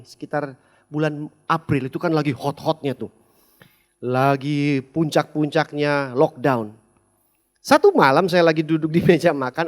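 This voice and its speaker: A man in his thirties preaching a sermon as a pastor, telling a story with humor and lively swings between loud and soft, with English phrases mixed in. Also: a little high.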